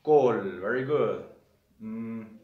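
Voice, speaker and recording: A man gives an English lesson to children, drilling each word again and again at a very slow pace. His voice sits at a middle pitch. He sounds set back from the mic in a roomy, echoing space. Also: expressive, recorded from a distance, narrow, tinny audio. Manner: slow, repetitive drilling of words. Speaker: English teacher.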